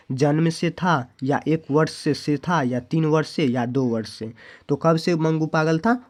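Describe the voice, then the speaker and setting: A man's voice: fairly high pitch, darkish tone. A male teacher from India walking students through exam questions, repeating answers and reminders to remember them. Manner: repetitive, keeps asking students to remember.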